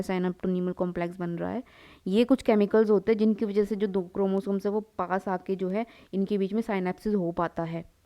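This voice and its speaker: This young biology tutor sounds warm and mellow at a medium pitch. Drawing on the board during her lecture, she drills the class with questions she answers herself, calls listeners "beta," and mixes in English.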